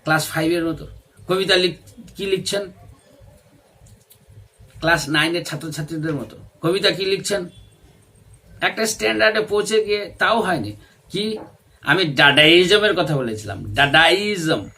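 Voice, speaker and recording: Guy ranting about poetry to camera, keeps repeating himself, sharp bright voice. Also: on the high side, moderate pace. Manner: insistent, repetitive, mixes English phrases. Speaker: video commentator. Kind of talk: self-made monologue on poetry.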